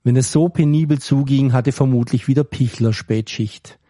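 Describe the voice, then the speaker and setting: A man reading a story aloud with a calm, measured delivery. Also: medium pitch, no room sound, studio quality. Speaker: story reader. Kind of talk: scripted narration.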